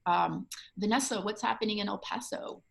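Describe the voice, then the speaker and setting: A woman hosting an online panel over a video call, chatty and excited, with frequent ums and restarts. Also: mid-range voice, normal speed, gravelly. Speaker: host and organizer.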